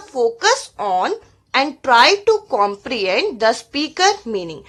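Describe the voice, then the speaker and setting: A woman's voice: sits high, pushed and bright. A woman teaching an exam-prep lesson. She reads points from slides and then explains each one step by step. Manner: reads English points slowly, then explains them in Hindi.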